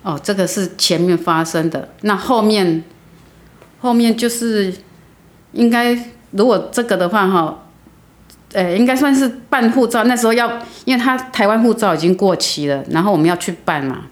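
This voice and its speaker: A middle-aged woman from Taiwan, a guest telling a personal story earnestly, with halting restarts. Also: mid-range voice.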